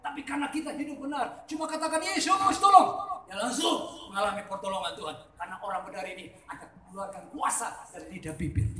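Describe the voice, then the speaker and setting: A middle-aged man preaching a sermon, swinging between soft, intimate asides and loud, fervent peaks. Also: high voice, roomy sound, a little hiss or hum.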